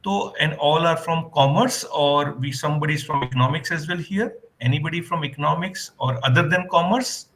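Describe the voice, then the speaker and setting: A man lectures through a video call. He is courteous and unhurried, filling gaps with little hesitations as he gathers his thoughts. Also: a little high, fairly bright tone, a little hiss or hum, rough recording. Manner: polite, hesitant, many fillers. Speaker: guest lecturer. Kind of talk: online lecture.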